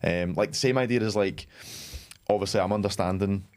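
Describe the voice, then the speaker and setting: Young guy, really low voice, talks quick, jokey and rambly. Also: a little mellow. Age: 20s. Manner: jokey, rambling with many likes and you-know-what-I-means. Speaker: podcast co-host, coach. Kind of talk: casual chat.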